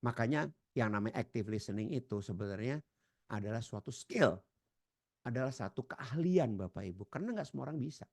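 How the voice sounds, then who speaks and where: Lively seminar trainer acting out scenes. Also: male voice, a little fast, no echo, clean studio sound. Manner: acts out quoted dialogue with sudden loud high outbursts; addresses audience as Bapak Ibu. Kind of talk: seminar lecture.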